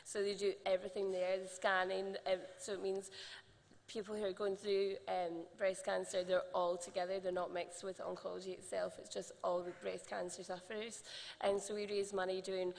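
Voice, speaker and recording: A woman with a slightly husky voice, chatting in a stage interview with lots of ums. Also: mid-range voice, level tone, moderate pace, a little mellow. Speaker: festival contestant. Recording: echoey hall.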